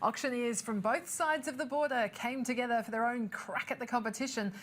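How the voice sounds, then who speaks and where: A woman's voice: a little high, fairly quick, fairly bright tone, slight background noise. A woman with an Australian accent presenting a scripted news introduction.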